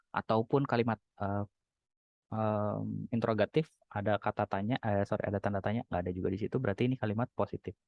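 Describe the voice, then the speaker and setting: A young man with an Indonesian accent giving a recorded university lecture on English grammar, explaining patiently and slowing down to model example sentences. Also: fairly low pitch, gravelly, no echo, muffled recording.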